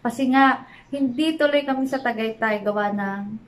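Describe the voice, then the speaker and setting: A young woman with a fairly high voice hosts a casual vlog at a moderate pace, recorded on a phone while she's out commuting, so the low-quality audio carries vehicle noise. She's chatty, greets viewers in a sing-song way, and laughs often.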